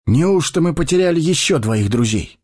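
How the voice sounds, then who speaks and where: A man's voice: medium pitch, animated, moderate pace, close to an everyday voice. An actor playing a noble warrior and heir to a throne who speaks solemnly and declaims his lines. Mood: grave. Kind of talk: audio drama acting.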